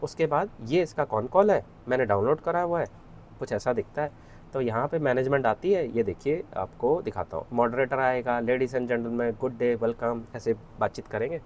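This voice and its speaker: Man, mid-pitch, casual conversational tutor, faint hiss behind, for a stock-research walkthrough. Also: normal speed, a little mellow. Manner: conversational, repeats "ठीक है" often. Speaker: equity research educator. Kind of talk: casual screen-share tutorial.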